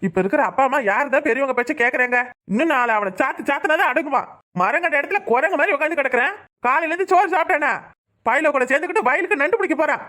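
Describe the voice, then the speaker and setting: A strict old grandfather in a cartoon, voiced by a woman with a southern Tamil accent. The voice sits high and bright, and he rattles off threats and complaints about how the children are raised. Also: rapid-fire. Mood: scolding. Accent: southern Tamil Nadu, Tirunelveli-Kanyakumari. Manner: scolding, threatening. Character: old grandfather, stern and scolding.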